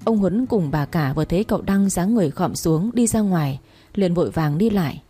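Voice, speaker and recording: A woman narrating a story in a steady, even way. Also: fairly low pitch, brisk, breathy edge.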